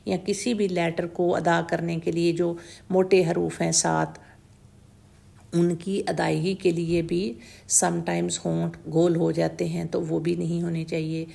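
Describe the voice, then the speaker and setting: A woman teaching tajweed pronunciation, slowly and patiently demonstrating each letter sound over and over and checking that the learner follows. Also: fairly low pitch, level tone, vocal fry, mellow. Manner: mixes English words into Urdu, checks in with "theek hai?". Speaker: Quran recitation teacher.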